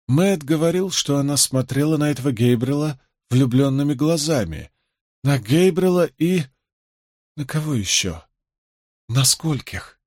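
A man voicing a tipsy young noblewoman, proud and emotional, speaking a little higher with an indignant edge. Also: lively intonation, a little slow, a little mellow, no echo, clean studio sound. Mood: accusing.

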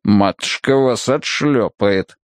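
Man doing a cool sneering henchman, slow easy threats, dry close sound, audiobook thug. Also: fairly low pitch, no room sound. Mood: mocking. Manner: slow, mocking, matter-of-fact threats. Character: calm, sneering male henchman with a gun.

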